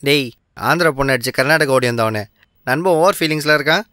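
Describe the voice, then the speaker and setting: Guy acting as a sharp-tongued young buddy, quick bright voice. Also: a little high. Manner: mocking, quick banter. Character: mocking young male friend. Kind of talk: short film acting.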